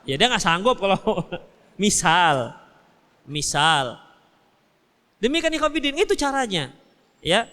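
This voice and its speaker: A man with a Medan Indonesian accent giving a religious study lecture and answering questions, lively and jokey, acting out little dialogues. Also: sits high, slow, pauses often. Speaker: Islamic preacher. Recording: hall reverb.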